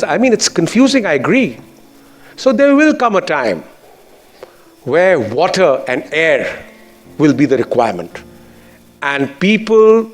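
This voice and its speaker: A man with an educated, posh Indian English accent gives a formal speech as a school chairman, earnest and emphatic in his phrasing. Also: high voice.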